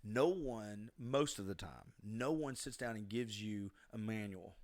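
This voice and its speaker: A middle-aged man speaks a little slowly in a lowish, darkish voice during a relaxed podcast chat. Reflective and conversational, he hands out advice drawn from life lessons.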